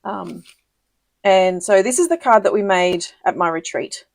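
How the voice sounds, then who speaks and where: A woman hosting a casual live crafting tutorial, chatty and giggly, with many ums and quick self-corrections. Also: mid-range voice, creaky, no room sound. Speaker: papercraft demonstrator hosting a live video.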